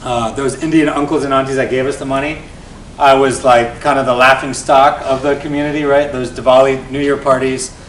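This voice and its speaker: Guy in his 40s, investor telling his startup story onstage, chatty and upbeat, kinda far from the mic, echoey room. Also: brisk. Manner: energetic and conversational, tags points with "right?". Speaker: venture investor and guest speaker. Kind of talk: telling his founder story to an event audience. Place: event venue before an audience. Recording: roomy, distant mic with faint rumble.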